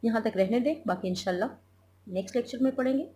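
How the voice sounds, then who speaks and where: A woman's voice: fairly high pitch, fast, dark tone. A woman school teacher giving a recorded lesson, explaining a literature text by repeating and glossing words.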